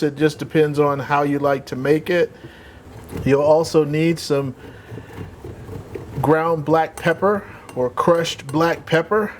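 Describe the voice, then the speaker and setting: A man's voice: fairly high pitch, darkish tone, a little hiss or hum. A man hosting his own cooking show, walking through a recipe step by step with playful, jokey asides. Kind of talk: casual cooking demonstration.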